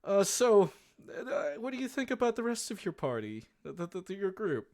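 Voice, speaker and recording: A woman voicing a curious, fretful townswoman in a tabletop game, stammering and gently prying. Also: medium pitch, sing-song, moderate pace, natural voice.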